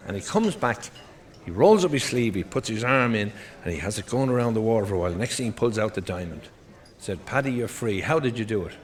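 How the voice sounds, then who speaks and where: Here an Irishman performs stand-up in a lowish, animated voice at a fairly quick clip. He fires off one-liners and brief joke stories, playing each character himself.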